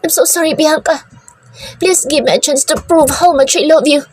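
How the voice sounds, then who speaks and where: A woman voicing a devoted young man who soothes his lover in soft, murmured pleas. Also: sits high, moderate pace, soft background music, pitched above the performer's own voice, lightly acted. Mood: tender pleading.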